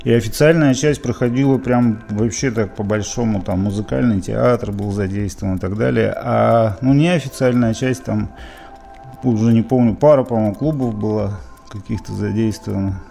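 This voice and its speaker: A man's voice: fairly low pitch, moderate pace, vocal fry, mellow, soft background music. A man from Izhevsk, Russia, a musician being interviewed, talking in a rambling way with many fillers and restarts. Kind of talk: casual interview reminiscing.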